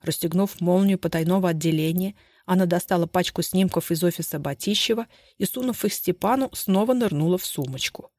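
Measured woman narrating a detective novel. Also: fairly low pitch, a little mellow, no room sound, clean studio sound. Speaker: audiobook narrator.

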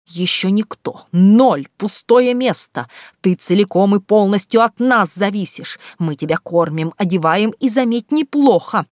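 A woman voicing a furious middle-aged father, a school principal, who shouts and rebukes in a storybook reading. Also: mid-range voice, lively intonation, normal speed, no room sound, clean studio sound, close to an everyday voice. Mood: threatening.

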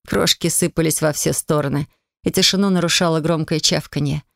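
A woman narrating a fantasy audiobook in a gentle, friendly storytelling voice. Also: low voice, fairly even intonation, fairly quick, creaky, no echo, clean studio sound. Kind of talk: scripted narration.

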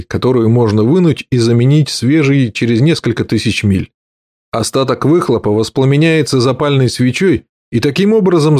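A man reading an audiobook and voicing an angry middle-aged inventor with a slightly husky note, explaining at length. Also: mid-range voice, darkish tone, no echo, clean studio sound, lightly acted.

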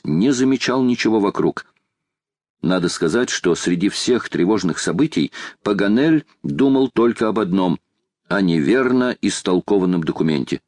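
A male audiobook narrator reading in a measured, even way. His voice is low. The recording is close and dry. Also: no echo. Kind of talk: scripted narration.

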